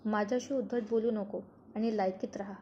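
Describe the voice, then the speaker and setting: A woman's voice: medium pitch, steady tone, fairly quick, natural voice. A woman voicing an angry, accusing young bride in a spoken serial recap, in a slightly muffled recording with faint noise.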